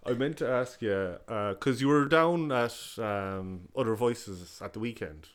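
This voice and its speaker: A man's voice: medium pitch, a little slow, clean tone. An Irish man hosting a podcast, interviewing in a casual, informal way with hesitant phrasing.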